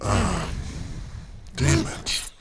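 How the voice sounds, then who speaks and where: A man's voice: very slow, very noisy. A man hosting his own livestream show, talking in a rambling, wry way with many restarts. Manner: rambling, full of restarts and fillers. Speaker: show host. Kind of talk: casual livestream monologue.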